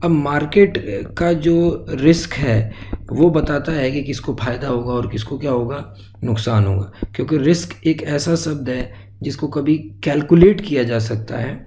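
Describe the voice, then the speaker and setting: A man with a mid-range voice gives an explanatory exam-prep lecture against some background noise. He works through each step, poses questions and answers them himself, and mixes English terms into his Hindi.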